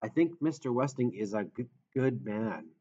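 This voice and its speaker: A man's voice: mid-range voice, lively intonation, moderate pace, warm tone, husky. A man voicing an earnest young man who stammers on the first sounds of words, in a storybook reading. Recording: dull lo-fi audio.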